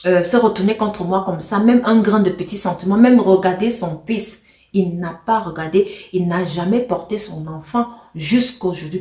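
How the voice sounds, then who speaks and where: An earnest woman narrates her own life story in a halting way, often doubling back and repeating words. Her voice sits at an ordinary middle pitch for a woman. The recording is roomy, with a clear echo around her. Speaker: storyteller sharing a personal testimony. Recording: roomy, echoey room sound.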